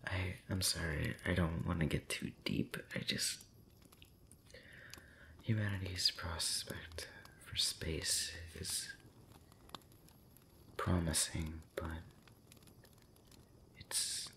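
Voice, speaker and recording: This man runs an audio roleplay channel and speaks in a low-pitched, level tone, rambling intimately in a late-night ASMR manner. Breathy and frequently whispering, he hesitates and muses, with long pauses and gentle hums.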